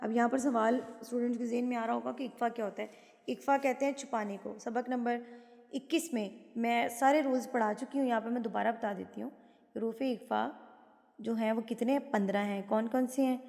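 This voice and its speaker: A woman teaching Quran recitation rules, patiently explaining step by step and reciting verses slowly. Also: fairly high pitch, steady tone, vocal fry, a little mellow, in a large hall. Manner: patient, explains step by step and asks and answers her own questions.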